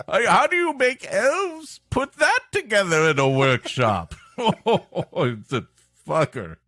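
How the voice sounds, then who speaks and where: A man's voice: high-pitched, big pitch swings, slow, fairly bright tone, dry recording, clean studio sound, voice pushed up, heavily acted. Man putting on a chuckling, jolly old Santa Claus. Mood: exasperated, joking. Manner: chuckling, theatrical.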